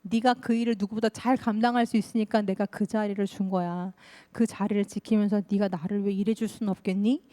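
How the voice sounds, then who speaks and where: A woman preacher voicing God, who speaks slowly and tenderly to reassure her. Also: medium pitch, steady tone, mellow, dry recording, lightly acted. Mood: gentle. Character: God, a gentle fatherly voice.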